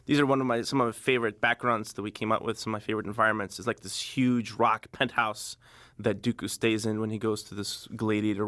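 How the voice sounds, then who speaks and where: A man giving a relaxed, rambling DVD commentary as a director, with many fillers. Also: lowish voice, dry recording.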